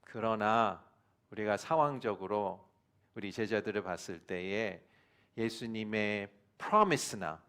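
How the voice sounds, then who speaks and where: A man's voice: unhurried, fairly bright tone, clear, resonant tone. A middle-aged man preaching a sermon as pastor, mixing English phrases into his talk and questioning the congregation, acting out quoted voices. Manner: acts out quoted voices with rising pitch and volume. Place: church sanctuary.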